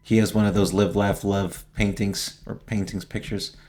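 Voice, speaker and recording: A young man giving casual, slangy gameplay commentary, joking and reacting out loud as he plays. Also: fairly low pitch, little pitch movement, normal speed, faint music behind. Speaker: gaming streamer.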